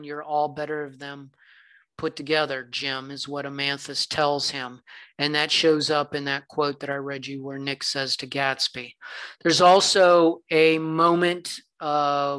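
A man's voice: a little high, pushed and bright, clean tone. A man from the American South giving a conversational literature lecture, with some fillers, reading passages aloud. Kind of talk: recorded lecture.

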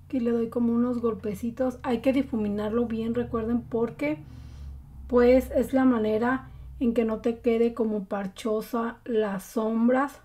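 A woman talks her viewers through a makeup tutorial in a relaxed, chatty way. Her voice sits a little high and has a warm, mellow tone, with frequent fillers between steps. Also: measured pace. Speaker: beauty vlogger.

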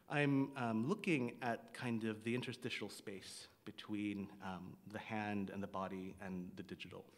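Middle-aged guy at a podium mic, lots of ums and restarts, lowish voice, big echoey lecture hall. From Singapore. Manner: hesitant, many ums and restarts. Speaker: visiting artist lecturer. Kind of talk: public lecture. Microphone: podium microphone. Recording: long hall reverb.

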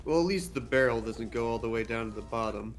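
A man's voice: medium pitch, fast. A man chatting casually as co-commentator over gameplay, offhand and wry. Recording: game music behind. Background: video game music.

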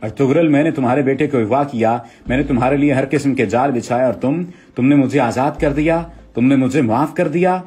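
A man's voice: medium pitch, fairly quick, hardly any pauses, darkish tone, husky, soft background music. A man reading out the lines of an anguished enemy chief who begs for answers, repeating his words. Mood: pleading.

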